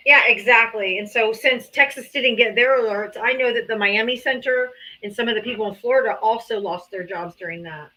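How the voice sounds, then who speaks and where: A chatty woman hosting a live stream in easy, casual conversation. Her voice is bright and clear, and she laughs easily and swears in passing. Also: on the high side, brisk, few pauses, low-quality recording. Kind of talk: casual chat.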